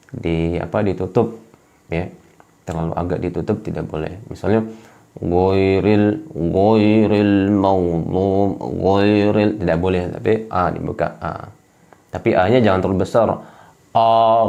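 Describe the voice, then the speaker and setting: Man, recitation lesson, deep voice, mellow tone, patient repeated explanations. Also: vocal fry. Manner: patient, repeats each point and demonstrates sounds. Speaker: Quran recitation teacher. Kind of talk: explaining articulation to home viewers.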